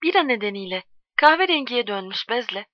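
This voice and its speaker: A woman narrating a story in a steady, measured reading voice. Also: fairly high pitch, no room sound. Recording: dull, dry, lo-fi recording.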